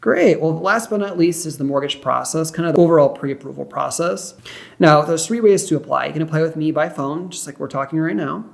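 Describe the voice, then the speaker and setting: In a one-sided mock phone consultation, a young mortgage loan officer walks a client through mortgage options step by step. He's cheerful, reassuring and encouraging, often dropping in quick affirmations like "perfect" and "great." His voice sits slightly high with a gravelly edge.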